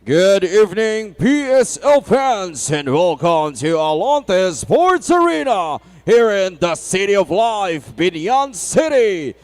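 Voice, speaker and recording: A man with a Filipino accent announcing player introductions at an indoor basketball arena, stretching out the names in a booming call. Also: big pitch swings, no room sound. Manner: drawn-out booming name calls. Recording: arena PA with loud music. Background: loud music.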